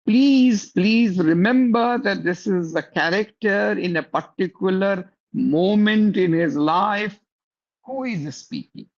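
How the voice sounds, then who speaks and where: A man teaching a class, explaining slowly with many pauses and fillers and asking his students questions. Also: high-pitched, creaky, muffled recording. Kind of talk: classroom lecture.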